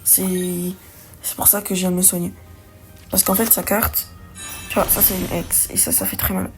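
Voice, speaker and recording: A young woman with a fairly low voice talks through a card game in casual commentary. She thinks aloud, uses slang and corrects herself often, with faint music playing underneath. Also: little pitch movement, normal speed. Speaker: gaming video creator. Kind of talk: casual let's-play commentary.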